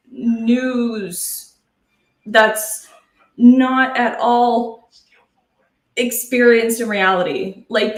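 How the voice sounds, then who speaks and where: A woman's voice: a little high, reverberant, poor audio. A young woman with a Canadian accent, chatting casually and rambling with lots of fillers and casual swearing while she cooks in her kitchen. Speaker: cooking vlogger. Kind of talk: casual chat while cooking. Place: home kitchen.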